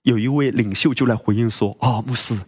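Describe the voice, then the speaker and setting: A man's voice: mid-range voice, fairly even intonation, a little fast, darkish tone, slightly rough. A male pastor preaching a sermon, emphatic and full of rhetorical questions and exclamations.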